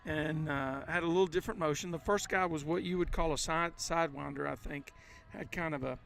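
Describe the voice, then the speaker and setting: A man commentating on a high school baseball game in a folksy, chatty way, retelling last night's game with lots of restarts, recorded outdoors with faint street noise behind him. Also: a little fast, creaky. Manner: folksy, animated storytelling with many restarts. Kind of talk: casual game-day commentary.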